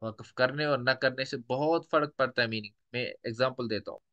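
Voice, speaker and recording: Bright-voiced male tajweed teacher. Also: mid-range voice, dull audio. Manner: explains patiently, repeating words slowly as examples. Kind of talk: lecture with recited examples.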